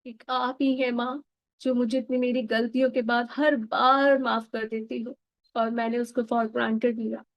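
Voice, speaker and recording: A woman talks listeners through a guided meditation in a soft, pleading, heartfelt way. Her voice sits a little high. The sound is dry and close, with no room echo. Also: level tone, measured pace, lo-fi sound.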